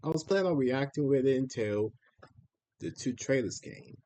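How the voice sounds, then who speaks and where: A man's voice: mid-range voice, lively intonation, moderate pace, mellow. A man streamer giving casual live reaction commentary on trailers, repeating himself and exclaiming in mild slang.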